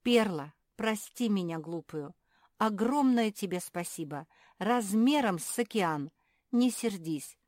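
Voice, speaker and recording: A woman voicing an impulsive young female dog, a schoolgirl, in a storybook reading, speaking eagerly and briskly. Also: mid-range voice, animated, darkish tone, dry recording, studio quality, pitched above the performer's own voice. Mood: apologetic.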